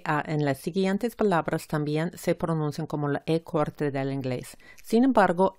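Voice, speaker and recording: A woman teaching English pronunciation, saying each word slowly and clearly in a careful instructional style. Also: deep voice, a little mellow, no echo, clean studio sound.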